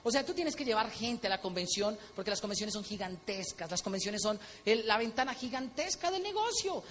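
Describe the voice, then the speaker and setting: A man with a Colombian accent telling a story at a convention, animated and acting out quotes. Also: high voice, a little fast. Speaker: motivational speaker. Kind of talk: stage talk at a convention. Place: large convention hall. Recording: echoey hall with faint noise.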